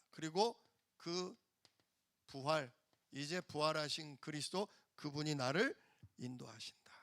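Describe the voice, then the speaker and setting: A man's voice: on the high side, pushed and bright, no room sound. A male pastor preaching a sermon in a church, emphatic and firing rhetorical questions at the congregation.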